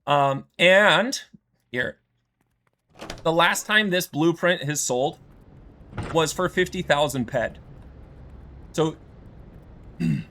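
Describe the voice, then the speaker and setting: A man's voice: a little high, expressive, very slow, long pauses, sharp tone, slight background noise. A man streaming a game, talking casually with an aggrieved tone and often checking in with "right?" and "you know?". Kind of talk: casual gaming stream talk.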